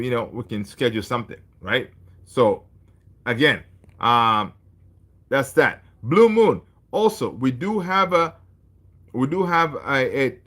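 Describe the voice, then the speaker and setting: A Tanzanian man hosts a relaxed football livestream, chatting with viewers in a friendly, easygoing way and reading their comments out loud. His voice is medium-pitched and slightly bright.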